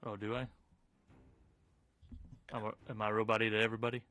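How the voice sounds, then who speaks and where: A man's voice: on the low side, little pitch movement, a little fast, bright, forceful tone. A man running a tabletop game as game master over a voice call, talking casually and laughing easily. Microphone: home computer mic on a voice call.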